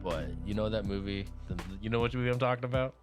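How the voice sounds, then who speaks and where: A man's voice: lowish voice, fast talker, over music. A man co-hosting a casual tech podcast, rambling with lots of "like" and trailing off mid-sentence. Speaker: podcast co-host. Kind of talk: casual chat.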